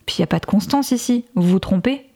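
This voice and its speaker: A woman's voice: medium pitch, lively intonation, fast talker, warm tone, slightly rough. A woman reading aloud voices a disdainful male cult leader with a dismissive, preachy way of talking.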